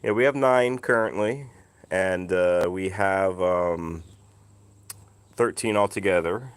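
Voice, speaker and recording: On a laid-back live stream shot on his phone, a man chats easily, starting outside and later continuing indoors at home. He talks slowly in a low register, and a lingering cough leaves his voice a bit off.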